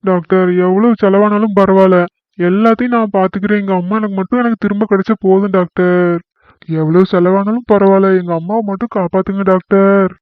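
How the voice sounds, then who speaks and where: A fairly high, anxious cartoon son, voiced by a man, devoted to his mother and begging over and over. The recording is dry and slightly dull. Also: steady tone, brisk, clear, resonant tone, no room sound, close to an everyday voice.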